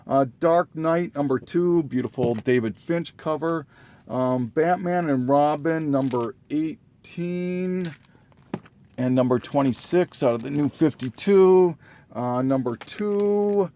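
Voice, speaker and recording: Guy slowly reading off his collection, lots of ums, kinda losing his voice, slightly high voice. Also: mellow. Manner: slow, halting, many ums and self-corrections. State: losing his voice, clearing his throat. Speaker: comic collector listing trades. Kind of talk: casual show-and-tell listing.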